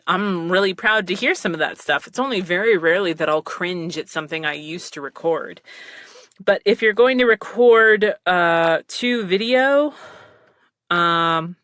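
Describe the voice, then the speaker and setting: A chatty woman speaks in a bright, close-miked voice with no echo, though she describes it herself as low. As a podcast guest talking about voice acting, she rambles casually through recording advice with plenty of fillers and laughs, using a studio mic and headphones.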